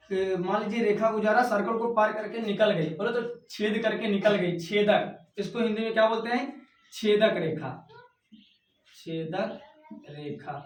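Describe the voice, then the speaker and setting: A man's voice: high-pitched, far from the mic. Man teaching in an echoey room. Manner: repeats terms as questions and answers them. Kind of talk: whiteboard math lesson.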